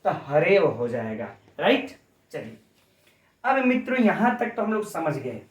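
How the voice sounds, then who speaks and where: A man with a high voice teaching a grammar class for exam preparation. He breaks each rule down step by step, keeps calling his students friends and puts questions to them. The sound is echoey, as in a bare room. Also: big pitch swings, unhurried. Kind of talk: exam coaching lecture.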